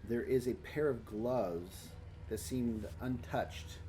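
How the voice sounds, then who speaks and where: A man's voice: mid-range voice, takes it slowly, mellow, a little hiss or hum. A man narrating a tabletop role-playing game as game master, describing scenes in detail and walking the players through them.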